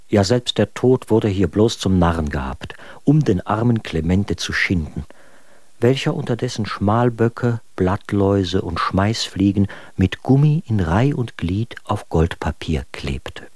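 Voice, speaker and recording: In a radio drama, an exasperated writer reads his letters aloud, recounting his troubles with articulate, sardonic scorn. His fairly low, darkish voice is animated yet unhurried, recorded in a very dry studio with no room sound.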